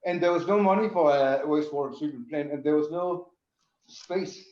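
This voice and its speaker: A middle-aged Danish tannery sustainability director, interviewed about his work, speaks at a normal speed in a slightly high voice with a darkish tone. Audio quality is roomy, dull and lo-fi.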